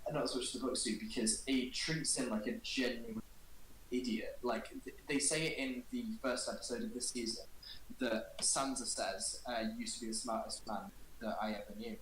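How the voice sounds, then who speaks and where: A man's voice: mid-range voice, steady tone, moderate pace, a bit bright. Man in a roomy, hissy recording. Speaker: podcast co-host. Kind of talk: casual chat. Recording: echoey room with faint hiss.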